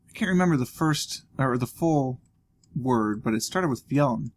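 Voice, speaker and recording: Playing a geography guessing game, a man thinks out loud, musing and cracking jokes as a let's play host giving relaxed commentary. He speaks at a moderate pace with a medium, expressive voice.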